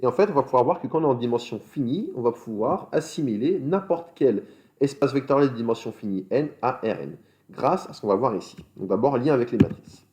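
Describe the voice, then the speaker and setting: A man teaching a recorded math lecture, explaining step by step, with fillers and quick self-corrections. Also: medium pitch, expressive, darkish tone. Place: school in France.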